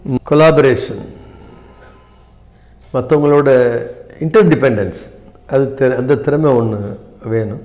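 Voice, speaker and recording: A man in his seventies, an interview guest, speaking in a measured, hesitant way with many fillers and some English phrases. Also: medium pitch, a little mellow. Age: 70s. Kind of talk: reflective interview talk.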